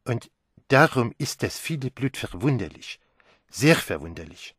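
A man voicing a fussy older male detective who muses slowly and lingers on his words. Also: medium pitch, big pitch swings, a bit bright, slightly rough, no echo, studio quality, pitched above the performer's own voice, exaggerated voice. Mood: puzzled. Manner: slow, musing, lingering on words.

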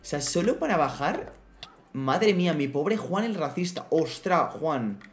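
A man's voice: fairly high pitch, lively intonation, unhurried, faint music behind. A man from streaming a block-building game, chatting playfully with his viewers and talking to his in-game pets. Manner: chatty, playful, talks to his pet horse and the chat. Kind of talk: casual live gameplay chat.

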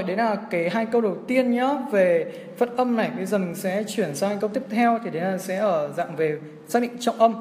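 Chatty young man teaching English, echoey room. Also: sits high. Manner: chatty, checks in with viewers often. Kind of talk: livestream exam walkthrough. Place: indoor room, filming his screen for a livestream. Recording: echoey room with long reverb.

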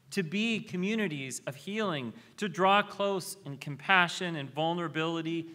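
A man in his thirties preaching a sermon from a podium microphone in a large convention hall, measured and reflective, with rhetorical questions. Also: on the high side, bright, forceful tone. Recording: reverberant hall.

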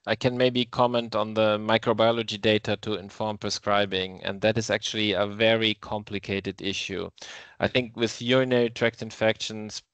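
A man giving a measured expert explanation as a panelist on a video call. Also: fairly low pitch, little pitch movement, fairly bright tone, no echo, highs cut off. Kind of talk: explanatory comment in an online meeting.

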